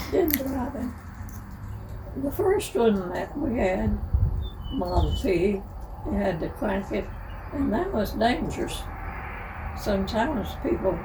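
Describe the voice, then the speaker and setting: A very old woman, over a hundred, reminiscing in an aged voice, speaking haltingly in short broken phrases. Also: mid-range voice, vocal fry. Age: 105, very old. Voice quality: aged, elderly voice. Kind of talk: unscripted reminiscing about the old days. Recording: distant mic, noisy, birdsong behind.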